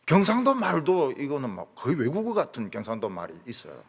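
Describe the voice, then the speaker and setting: A man's voice: medium pitch, huge pitch swings, a little fast, breathy edge. A male pastor delivering a sermon with emphatic rhetorical questions, recorded in a church hall. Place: church sanctuary. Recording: long reverb of a church hall.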